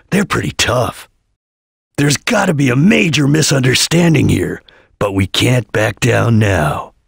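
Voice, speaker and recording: A stern, disciplined ninja chameleon from a video game, speaking in tactical, deliberate phrases. The voice is very husky with a gravelly edge, and its pitch swings in a lively way at a middle register. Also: male voice, no room sound, clean studio sound, full character voice. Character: serious, disciplined male ninja chameleon detective, cool and tactical. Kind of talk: video game character voice lines.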